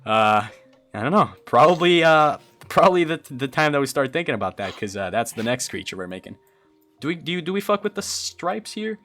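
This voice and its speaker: With a fairly high voice that swings widely in pitch, this young Brazilian streamer talks a little fast in a slightly bright tone. A native Portuguese speaker, he thinks aloud while answering viewers during a casual livestream about building a game creature, often stammering and restarting, with faint music behind.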